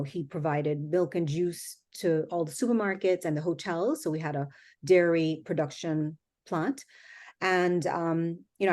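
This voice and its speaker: A woman's voice: sits low, darkish tone. A middle-aged woman from Jamaica with a Jamaican accent, chatting easily as a guest in an interview, often laughing. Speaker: guest, company founder. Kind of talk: casual interview talk.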